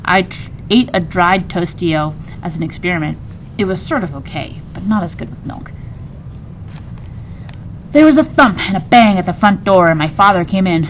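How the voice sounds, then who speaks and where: Here a teacher reads a storybook to her class with lots of expression, voicing the characters' lines and breaking off for asides about the pictures. It's a muffled recording marked by obvious rumbling.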